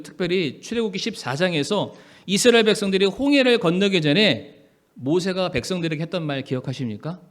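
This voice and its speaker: High-voiced Korean pastor preaching. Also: male voice. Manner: earnest preaching, often rising and slowing for emphasis. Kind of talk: sermon.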